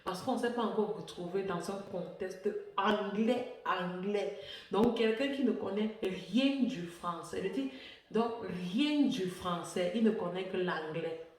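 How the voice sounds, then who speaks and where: A woman's voice: mid-range voice, a little slow. Chatty woman, echoey and far off. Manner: chatty, repeats words, laughs often. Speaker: vlogger. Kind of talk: casual personal vlog talk. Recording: echoey room, far from the mic.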